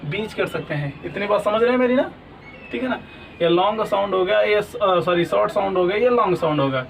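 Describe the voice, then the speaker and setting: Male teacher, high voice, quizzing style, slightly distant mic with light background hiss. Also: lively intonation, a little fast, creaky. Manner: asks questions then answers them himself; repeats "ठीक है ना?" often. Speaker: English teacher. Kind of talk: classroom lesson.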